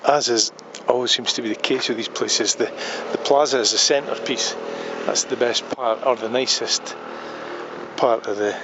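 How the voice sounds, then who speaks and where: A man's voice: medium pitch, fairly even intonation, normal speed, lo-fi sound, noisy background. A man narrating a casual travel vlog, musing aloud with frequent ums and restarts as he drives and walks around a town. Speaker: travel vlogger. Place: on the road and outdoors in a small town.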